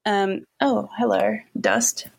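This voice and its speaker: A woman's voice: medium pitch, steady tone, slow, creaky, background noise. A woman hosting a casual interview, talking while crouched under a desk during an earthquake drill and asking curious, chatty questions, her voice drifting off the mic. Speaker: podcast host.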